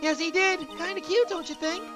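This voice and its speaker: A man's voice: very high-pitched, brisk, over music, pitched above the performer's own voice. Man putting on an airy, girlish circus sweetheart. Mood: sweet.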